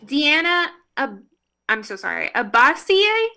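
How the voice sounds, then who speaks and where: A woman with a high, bright voice works through a roll call over a video call. She reads each name slowly and with care, pausing to apologize when she stumbles. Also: sing-song, gravelly. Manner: slow, careful reading of names, with apologetic asides and laughs. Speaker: meeting roll-call reader.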